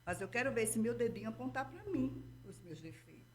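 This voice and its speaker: A guest therapist speaking Brazilian Portuguese explains things patiently and didactically in an interview, often checking in with "tá?" and "entendeu?". Her fairly high voice has lively intonation and moves a little fast, with a slight hiss or hum in the recording.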